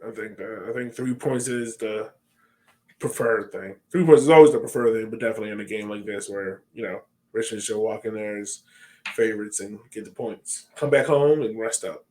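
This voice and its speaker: An American man in his thirties, hosting a sports podcast over a video call from a room at home, chats in an easygoing, casual way. His voice sits on the low side, a little mellow, at normal speed.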